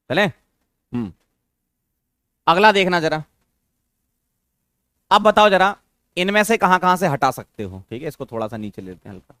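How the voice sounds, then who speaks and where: A man's voice: on the high side, a bit bright, smooth, dry recording, clean studio sound. A man teaching a chemistry lesson, coaxing his students with questions and repeating the key terms. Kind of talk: classroom lecture.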